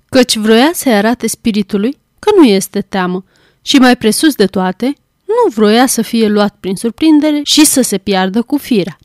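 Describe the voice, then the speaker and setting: A woman reading a classic tale aloud as an audiobook, measured and clear. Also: a little high, a little mellow, no room sound, clean studio sound. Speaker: volunteer audiobook reader. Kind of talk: scripted audiobook narration.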